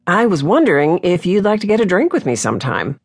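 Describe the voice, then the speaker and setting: Woman reading nice easygoing deputy guy, warm and reassuring, audiobook. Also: lowish voice, very animated, fairly quick, slightly rough, voice pushed up, heavily acted. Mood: hopeful. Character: friendly young male deputy, easygoing.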